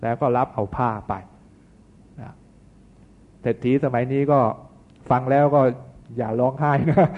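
A Buddhist monk preaches a storytelling sermon in a chatty, folksy manner full of asides. His mid-pitched male voice comes through a narrow, phone-like sound.

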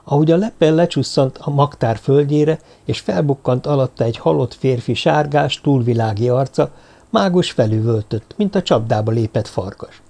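A man reading a novel aloud as an audiobook narrator, in measured, even storytelling. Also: medium pitch, vocal fry. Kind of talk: scripted narration.

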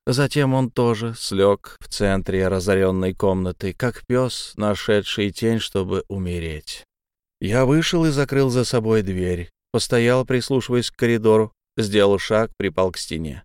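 A man narrating a first-person novel as an audiobook, in a measured, dramatic reading. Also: fairly low pitch, a little mellow, clean tone, dry recording, studio quality.

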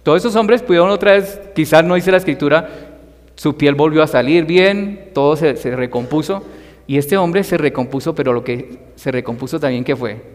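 A man delivers an emphatic sermon, his voice sitting somewhat high for a man. He presses his points with rising force and calls out loudly at times. A long reverb trails behind every phrase. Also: moderate pace. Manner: emphatic, rising to loud acted cries for quoted voices. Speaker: preacher.

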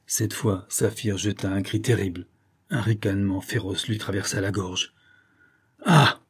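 A man narrating a 19th-century novel aloud in a measured, steady reading. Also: fairly low pitch, husky. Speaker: audiobook narrator.

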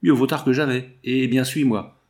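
A man's voice: medium pitch, steady tone, moderate pace, a little mellow, lightly acted. A man voicing a cynical, brutal male foreman who gives orders and threats. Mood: threatening. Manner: cynical, commanding.

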